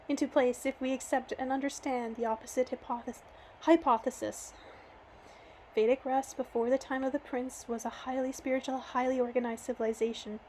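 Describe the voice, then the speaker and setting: A woman reading an audiobook aloud, earnest and measured, her voice slightly hoarse. Her pitch is high and her tone mellow, with a faint hiss of background noise. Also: low-quality recording. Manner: earnest, measured, with occasional restarts. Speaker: audiobook reader.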